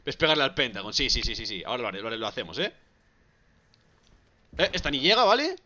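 A man with a Galician Spanish accent commentating his own gameplay on a live stream, excitable and prone to shouting and repeating words. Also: mid-range voice, quick pace, lo-fi sound. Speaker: gaming streamer.

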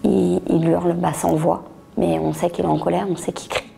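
Low gravelly woman, halting testimony. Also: level tone, warm tone, a little hiss or hum. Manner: halting, restarts words, drops to a near whisper at times. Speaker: author giving a testimony. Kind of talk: personal testimony interview.

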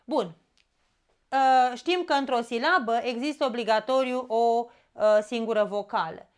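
In an exam-prep grammar class, a woman with a Romanian accent explains each point step by step, frequently checking in with "da?". Her voice sits on the high side and sounds clear and resonant.

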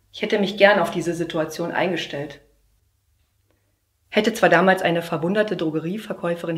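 A young woman trainee teacher performing a humorous slam poem, telling a classroom story in a lively way with sudden shouts. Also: on the low side. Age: young adult. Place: theater stage. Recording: roomy echoey stage sound.

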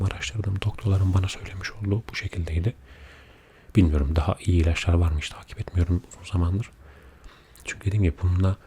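A man with a very deep, dark and mellow voice talks softly, as if keeping quiet at night. It is an unhurried, confiding ASMR chat that often sinks close to a whisper, with a little noise behind it. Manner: quiet, low murmur at night, often dropping near a whisper. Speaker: ASMR video creator. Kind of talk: soft-spoken ASMR chat. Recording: audible background noise.

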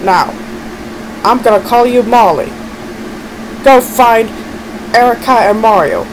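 A woman's voice: fairly high pitch, slow pace, noisy background. A woman voicing a vengeful, scheming male monster boss in an amateur cartoon, ranting and exclaiming. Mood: gloating, scheming.

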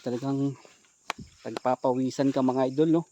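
Breathless man hunting ghosts on a mountain, jumpy vlog host, hushed one moment and shouting the next. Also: mid-range voice, normal speed, muffled recording, slight background noise. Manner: excitable, swings between hushed talk and alarmed shouts. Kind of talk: casual vlog narration. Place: outdoors on a mountain at night.

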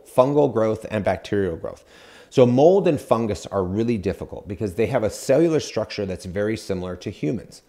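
A man in his forties speaks with a somewhat low voice as he explains things carefully to camera. His tone is earnest and critical, step by step, like a builder making his case. He is recorded close on a studio mic in a dim room. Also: dark tone. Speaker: home builder host. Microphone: studio mic on boom in front.

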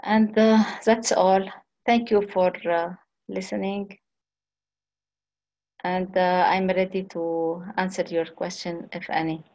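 A woman giving a conference presentation on a video call, speaking haltingly with frequent restarts and pauses. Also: lowish voice, level tone, a little mellow, dull audio.

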